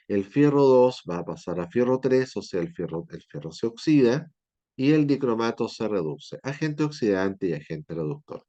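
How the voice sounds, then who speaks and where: A man's voice: medium pitch, dark tone, dull audio. A man teaching a university chemistry class, explaining step by step and often checking that his students follow. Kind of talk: classroom lecture.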